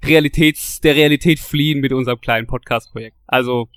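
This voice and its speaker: Fast-talking, chatty man as podcast guest. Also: medium pitch, fairly even intonation, a bit bright, smooth, no echo, clean studio sound. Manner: chatty, informal, self-mocking. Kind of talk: casual podcast chat.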